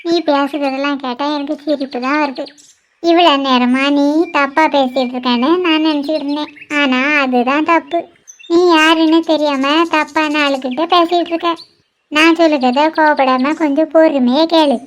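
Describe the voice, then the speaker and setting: A woman doing sharp-tongued cartoon girls. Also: high-pitched, steady tone, normal speed, natural voice. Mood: scolding. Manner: sharp-tongued, teasing, scolding. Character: bickering young women in a clothing shop. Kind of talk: cartoon voice acting, one voice for several girls.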